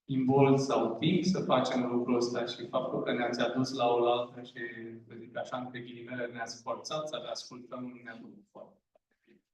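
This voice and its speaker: A man's voice: medium pitch, little pitch movement, darkish tone. A man from a band introducing songs to an audience, earnest and a little hesitant. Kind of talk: informal stage talk to an audience. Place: large echoey hall. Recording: echoey hall from far off.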